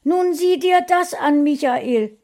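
A woman's voice: a little high, expressive, a little slow, mellow, pitched above the performer's own voice. A woman voicing an upset middle-aged housewife who keeps scolding her cat, in a storybook reading. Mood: shrill scolding. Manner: scolding, exclaiming.

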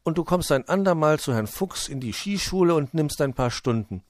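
A man's voice: a little high, animated, normal speed, no room sound, studio quality, voice pushed up, lightly acted. A man voicing a sensible young boy who proposes a careful plan. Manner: careful, reasonable.

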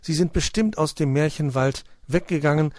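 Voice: mid-range voice, moderate pace, a little mellow, no room sound, clean studio sound, pitched above the performer's own voice, lightly acted. A man voicing a cheerful rabbit who teases his friends. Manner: cheerful, teasing.

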